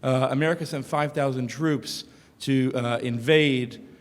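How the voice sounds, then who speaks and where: A man in the audience asks a panel a question, halting with fillers while he is losing his voice. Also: mid-range voice, steady tone. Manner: halting, many filler sounds. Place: lecture hall. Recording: long hall reverb.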